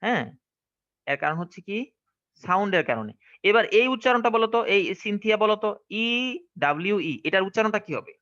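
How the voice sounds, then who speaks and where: Bangladeshi male English teacher, slightly high voice, dull lo-fi recording. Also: expressive, quick pace, long pauses, fairly bright tone. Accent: Bangladeshi Bengali. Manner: questioning, checks understanding often. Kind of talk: online classroom lesson.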